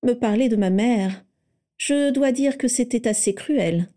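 Woman doing a cocky teen boy wizard from a storybook, teasing and pleased with himself, pitched up high, soft warm tone. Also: a little slow, lightly acted. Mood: smug teasing. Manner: playful, self-satisfied.

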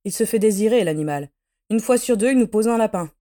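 A woman voicing a burly, gruff man in a fantasy audiobook, speaking bluntly. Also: medium pitch, lively intonation, fast, mellow, lightly acted. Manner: blunt and harsh. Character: burly, gruff man among dark wizards.

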